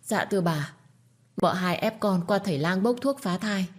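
A woman's voice: medium pitch, lively intonation, moderate pace, natural voice. A woman playing a frightened servant girl pleading. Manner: timid and pleading.

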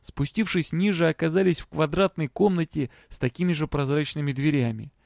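A man's voice: fairly high pitch, a little fast, creaky, darkish tone, no echo, studio quality. Man narrating a story. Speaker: audiobook narrator.

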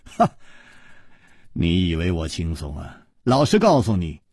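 A man's voice: low voice, huge pitch swings, measured pace, darkish tone, husky, no room sound, clean studio sound, pitched below the performer's own voice, exaggerated voice. A man voicing a witty young swordsman hero with a wry, self-deprecating manner.

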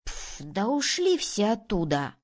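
A woman's voice: mid-range voice, sing-song, a little slow. A woman voicing a cocky red-haired village boy who leads a small gang. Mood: bossy. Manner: bossy, blustering.

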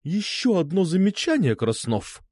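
A man voicing a stern middle-aged female schoolteacher with a contralto voice, who talks loudly and commandingly. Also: high-pitched, big pitch swings, moderate pace, husky, no room sound, clean studio sound, pitched above the performer's own voice, exaggerated voice. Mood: stern scolding. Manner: scolding, loud and commanding.

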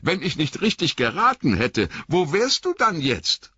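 A man's voice: fairly high pitch, wildly swooping pitch, measured pace, pushed and bright, husky, no echo, dull audio, pitched above the performer's own voice, full character voice. Sam, a man doing an anxious loyal hobbit. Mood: pleading. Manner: pleading, breathless, earnest. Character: loyal anxious young male hobbit servant. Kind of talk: audiobook reading.

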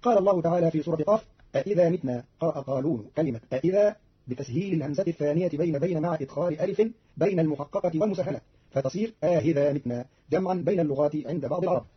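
A male radio announcer reads a scripted explanation in a brisk, matter-of-fact way. His voice is rough and husky, and he rattles through the text at great speed. The recording is dull and muffled, like an old broadcast. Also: on the high side. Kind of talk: scripted explanation of recitation variants.

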